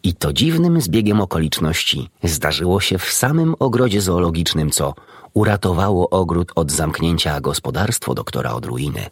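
Male audiobook narrator, deep and husky, lively melodic delivery. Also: moderate pace, no echo, studio quality. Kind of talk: scripted narration.

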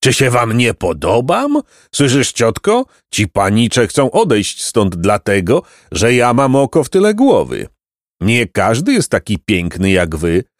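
A man's voice: mid-range voice, wildly swooping pitch, a little slow, no echo, clean studio sound. A man voicing a huge male monster who fawns and then menaces, with a screeching, neighing voice. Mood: gloating.

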